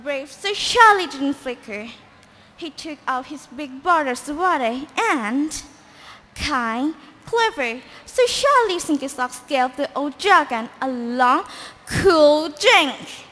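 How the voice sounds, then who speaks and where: A woman narrating a children's storybook as readers' theatre, in a lively, expressive way. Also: high-pitched, slow pace. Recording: echoey hall.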